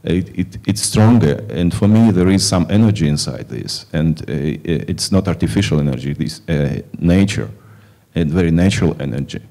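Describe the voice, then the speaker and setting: A film director from Kazakhstan answering festival questions in halting, non-native English with many fillers and restarts. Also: male voice, low-pitched, warm tone. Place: film festival stage before an audience.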